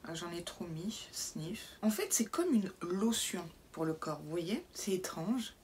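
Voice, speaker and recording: A woman vlogging an unboxing to camera, chatty and casual, sometimes dropping into soft asides, in a brightly lit indoor room. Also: on the low side, sing-song, unhurried, a little hiss or hum. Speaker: beauty box unboxing vlogger.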